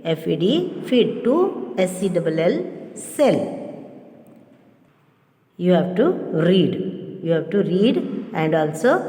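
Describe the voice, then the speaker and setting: A woman teaching phonics to small children, spelling each word letter by letter before saying it, at a very slow pace. Her voice sits a little low, and the room around her rings with echo and a long reverb tail. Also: big pitch swings, dark tone. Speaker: kindergarten teacher. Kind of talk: phonics revision lesson.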